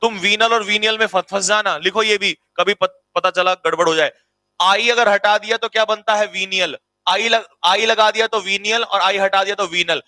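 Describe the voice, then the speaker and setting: A male teacher giving a lively online vocabulary lesson, spelling out words letter by letter and repeating key answers to his students. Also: high voice, moderate pace, no echo.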